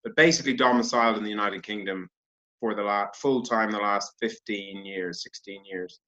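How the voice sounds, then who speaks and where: A middle-aged Irish man chatting as an interview guest over a video call, talkative and quick to correct himself mid-sentence. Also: lowish voice, fairly even intonation, pushed and bright. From Ireland. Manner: chatty, self-correcting, laughs easily. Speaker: guest, author. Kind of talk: casual interview chat. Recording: dull lo-fi video call audio.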